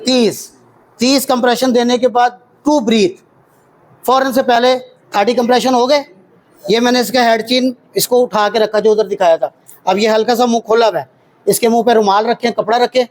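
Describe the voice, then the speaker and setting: A man with a high voice and a Pakistani Urdu accent teaching a hands-on CPR workshop. He drills counts out loud and keeps quizzing the class. He speaks in a training room full of students. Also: steady tone, moderate pace, poor audio.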